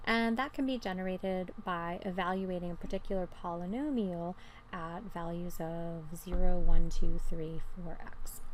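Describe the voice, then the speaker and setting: A woman's voice: lowish voice, slight background noise, rough recording. A woman teacher giving an informal, step-by-step explanation in a recorded math lesson.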